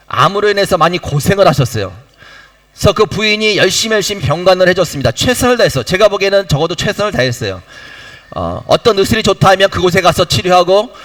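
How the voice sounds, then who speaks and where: A man's voice: high-pitched, a bit bright. A middle-aged man, the pastor, preaching to his church, repeating key phrases for emphasis and putting questions to the congregation. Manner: acts out short dialogues in his own voice. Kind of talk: sermon. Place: church sanctuary.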